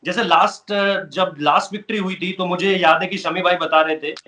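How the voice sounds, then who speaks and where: Male interviewer, chatty and eager, bright tone, slightly high pitch. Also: steady tone, normal speed. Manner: long, winding, eager questions. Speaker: sports interviewer, host. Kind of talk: interview questions.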